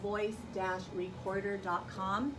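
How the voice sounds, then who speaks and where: Slow and flat in delivery, a woman with a mid-range voice teaches young children in a classroom, repeating directions and asking numerous questions. Music plays in the background of the noisy classroom recording.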